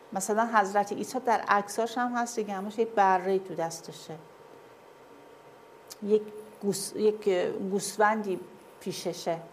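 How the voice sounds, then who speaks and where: A woman's voice: mid-range voice, slight background noise. A woman giving a classroom lecture with slides, often asking her listeners whether they see and follow.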